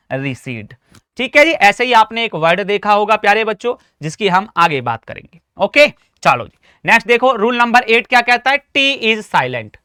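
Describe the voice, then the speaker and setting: A man teaching a spoken class, quizzing the class, answering his own questions and spelling words out slowly letter by letter. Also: high voice, sharp tone, clean tone, dry recording, studio quality. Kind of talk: classroom lesson.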